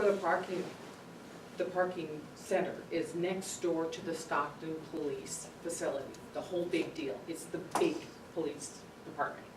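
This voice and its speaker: A woman with a Californian accent tells funny stories at a club meeting, laughing often and acting out the voices of others. She sounds far from the mic in an echoey room. There is noticeable noise under her voice. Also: low-pitched. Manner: animated storyteller, laughs often, acts out quotes. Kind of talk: humorous personal speech.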